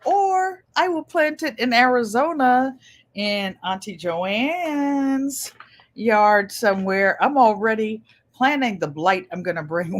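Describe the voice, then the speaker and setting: Chatty older woman hosting a craft livestream. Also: mid-range voice. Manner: chatty, reads viewer comments aloud, laughs easily. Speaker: craft channel host on a livestream. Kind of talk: casual livestream chat reading comments.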